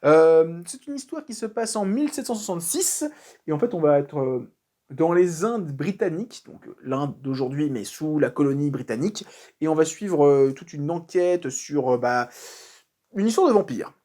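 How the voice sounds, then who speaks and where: A man's voice: a little high, lively intonation, normal speed, dark tone. A man casually talking through a comic book review, informal and chatty, with frequent fillers and restarts. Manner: informal slang.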